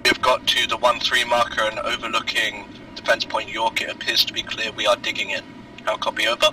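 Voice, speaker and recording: A man's voice: mid-range voice, little pitch movement, brisk, bright, forceful tone. A man giving clipped, formal military radio calls in a game, heard through a crackly radio. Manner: clipped, formal call-and-response. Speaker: player in military radio roleplay. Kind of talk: military radio procedure chatter. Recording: distant, crackly radio transmission.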